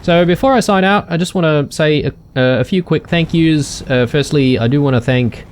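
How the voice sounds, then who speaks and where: A man's voice: on the high side, moderate pace, a little hiss or hum. A man hosting a let's play, chatting casually to viewers with many ums and uhs. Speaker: gaming channel host.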